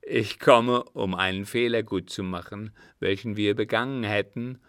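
A man voicing a commanding, scheming captain who speaks forcefully and urgently. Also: fairly low pitch, fairly even intonation, unhurried, no room sound, clean studio sound.

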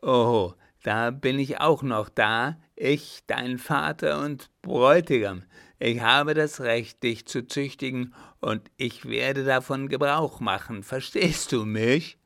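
Brief: male reader as a boozy brawling clown, gravelly and loud, slow menacing delivery. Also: mid-range voice. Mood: drunk, furious. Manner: loud, growling threats. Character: drunken jealous male clown, coarse and threatening. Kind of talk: audiobook character voice.

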